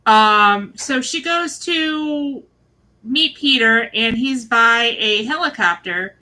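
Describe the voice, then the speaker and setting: A woman's voice: fairly high pitch, slow pace, sharp tone, poor audio. A woman from Michigan giving a chatty, rambling recap of a reality show, full of fillers and asides. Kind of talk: casual spoken recap. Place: at home with her husband nearby.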